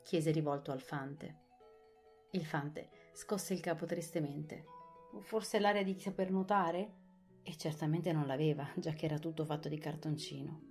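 A woman narrating an audiobook of a children's classic, expressive and clear. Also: sits low, normal speed, faint music behind.

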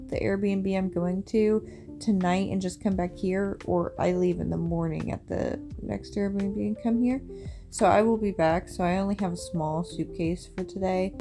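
A woman's voice: on the low side, vocal fry. Sleepy young woman vlogging on her phone. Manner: tired, rambling, full of fillers. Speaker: content creator. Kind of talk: casual vlog talk to camera. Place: bedroom, then a small rental house indoors. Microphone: phone held at arm's length.

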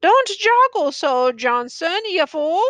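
Woman narrator doing a peevish wounded officer, shrill high bellowing, sharp tone, storybook reading. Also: big pitch swings, slow, no echo, full character voice. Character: peevish wounded male army officer, carried.

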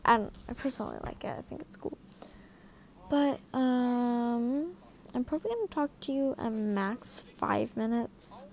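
A young woman narrates her drawing video casually, rambling at a slow, dragging pace, sounding tired, trailing off into fillers and often apologizing, yet also animated and gravelly. Her slightly high voice is close on the mic, right next to her mouth, with a faint background hiss.

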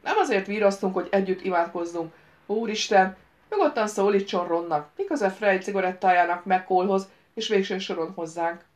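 A woman's voice: mid-range voice, darkish tone, natural voice. A woman reading the part of a sardonic male mercenary captain, with a sarcastic, impatient manner, in an audiobook.

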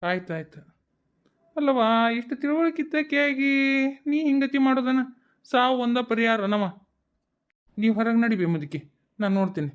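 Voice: medium pitch, expressive, normal speed, pauses often, dull audio, close to an everyday voice. A voice actor doing a brusque village doctor. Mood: reassuring. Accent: North Karnataka Kannada. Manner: brusque, bossy.

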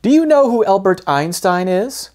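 With a high-pitched voice, a man hosts children's storytime, reading aloud expressively in a deliberate, animated, sing-song way. A lapel microphone yields a dry, studio-quality recording.

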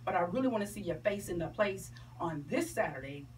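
Guesting on a promotional radio show, a middle-aged entertainer and stage play producer talks emphatically and eagerly, her fairly low voice moving at a fairly quick clip with lively intonation. A camera across the small studio captures her through a distant mic amid noisy room ambience.

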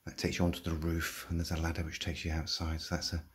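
Flat-voiced low man giving a walkthrough. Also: fast, slight background noise. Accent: English. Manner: plain, matter-of-fact listing of features. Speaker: property seller giving a walkthrough. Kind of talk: casual property tour narration. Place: empty rooms of a shop building, indoors. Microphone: handheld phone, walking.

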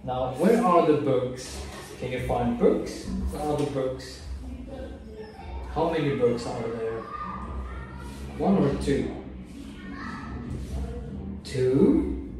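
Slow, patient male teacher, echoey room. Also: medium pitch, expressive. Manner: slow, patient prompting, models words to repeat. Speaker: English teacher. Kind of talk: oral English test with a young learner. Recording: echoey room, mic far off, faint noise.

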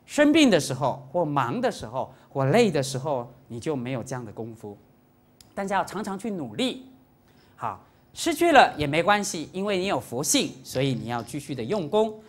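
A woman Buddhist teacher giving a lively Dharma lecture, often dropping into a soft chant to demonstrate. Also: low voice, moderate pace. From Singapore. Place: lecture hall.

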